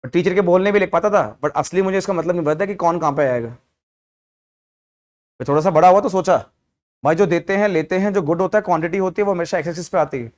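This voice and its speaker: A man with a high voice talks fast while teaching economics in a classroom lecture, speaking Hindi mixed with English terms. He poses rhetorical questions to the students and scolds them loudly when they laugh.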